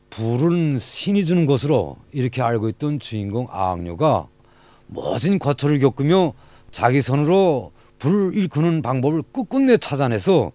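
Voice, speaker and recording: A man with a North Korean accent gives a prepared interview explanation. His voice is middling in pitch and recorded dry, with little room sound. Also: a little mellow, dry recording. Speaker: film studio staff being interviewed.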